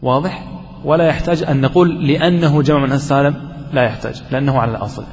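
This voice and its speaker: A man teaching a grammar lesson, explaining slowly and putting questions to the class that he then answers himself. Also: medium pitch, fairly even intonation, darkish tone. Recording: dull recording with long hall reverb.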